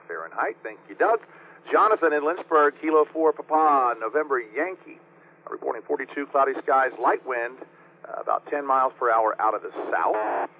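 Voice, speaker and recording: A man acting as net control on an amateur radio net, courteously taking check-ins and spelling out call signs phonetically over the radio. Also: mid-range voice. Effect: radio transmission. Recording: tinny narrow-band radio, faint noise.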